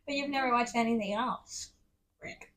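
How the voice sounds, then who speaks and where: A young woman co-hosting a podcast in casual chat, giggly and teasing, often breaking into loud laughter. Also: fairly high pitch, moderate pace. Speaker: podcast co-host.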